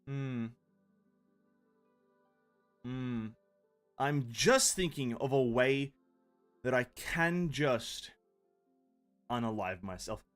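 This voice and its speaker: A young man casually commenting on his own game pulls, mostly dry and muttering, at times breaking into loud excitement. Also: mid-range voice, extremely slow, long pauses, clear, resonant tone, faint music behind. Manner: deadpan and muttering, bursting into shouting excitement. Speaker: game streamer. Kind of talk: casual live-stream commentary.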